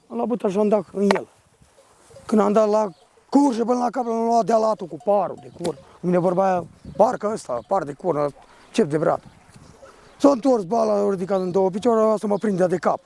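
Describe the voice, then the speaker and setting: A man working as a shepherd, telling a personal story in a rough, rambling, vivid way. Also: sits high, dark tone, slight background noise.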